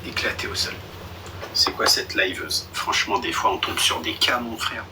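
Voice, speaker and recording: A man's voice: deep voice, normal speed. A young man chatting casually on a live stream, blunt and slangy, with a dismissive streak. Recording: a bit distant with faint background noise.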